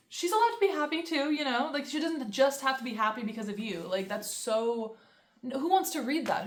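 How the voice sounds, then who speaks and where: A young woman vlogging a casual book review, ranting in an exasperated way with lots of fillers. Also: mid-range voice. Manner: exasperated, fast, with many fillers and sarcastic quoted asides. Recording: echoey room.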